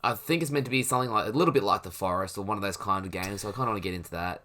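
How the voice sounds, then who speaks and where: A young man chatting on a podcast, rambling and laid-back. His voice sits a little low and has a bright, forward edge. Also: very fast. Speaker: podcast co-host. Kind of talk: casual chat.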